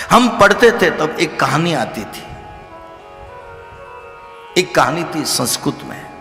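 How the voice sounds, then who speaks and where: A man giving an animated devotional scripture discourse as a religious storyteller, sometimes rising to loud exclamations. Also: a little high, reverberant, long reverb tail. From Rajasthan, India.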